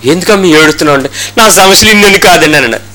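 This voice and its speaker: A man's voice: sits high, lively intonation, racing, a crowd in the background, low-quality recording. A man preaching a sermon as a pastor in a church, firing rhetorical questions and acting out the stories he tells. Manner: impassioned preaching with rhetorical questions and retold dialogue.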